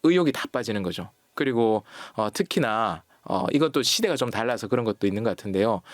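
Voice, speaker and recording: A man speaking as an author guest on a radio talk show. He explains at length and acts out quoted lines with lively voices. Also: fairly low pitch, a little fast, dry recording. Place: radio studio. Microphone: studio microphone.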